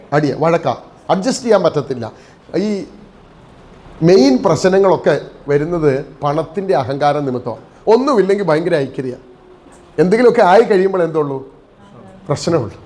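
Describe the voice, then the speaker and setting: A man's voice: high voice, darkish tone. A man from Kerala preaching a church sermon, throwing out questions and answering them himself, with bursts of praise. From Kerala, India. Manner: call-and-response questions answered himself, interjecting praise the Lord and hallelujah. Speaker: pastor.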